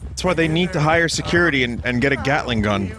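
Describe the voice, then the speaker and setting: A man's voice: mid-range voice, expressive, quick pace, bright, forceful tone, slight background noise. A man giving casual, joking commentary while streaming a game, often swearing. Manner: joking, profane, mock voices.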